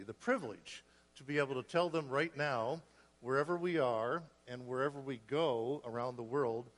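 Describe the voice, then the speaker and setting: A man preaching a sermon, earnest and a bit short of breath, restarting phrases and clearing his throat. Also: mid-range voice, long reverb tail. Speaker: guest preacher.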